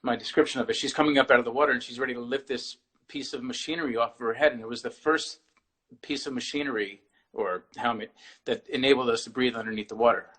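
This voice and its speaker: A man's voice: medium pitch, fairly even intonation, fast talker, fairly bright tone, husky, rough recording. A man, an artist, talking casually as a guest on a video-call interview, rambling and often restarting his phrases.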